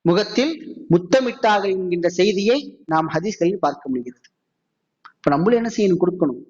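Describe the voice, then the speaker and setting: High-voiced Tamil man preaching. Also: expressive, darkish tone, lo-fi sound. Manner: rhetorical questions, slows down for Arabic quotes. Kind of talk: mosque sermon.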